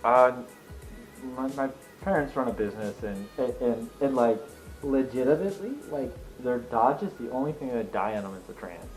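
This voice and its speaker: A man's voice: mid-range voice, animated, moderate pace, rough recording. A man chatting casually about cars in an emphatic, explanatory, jokey way. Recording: music in the background.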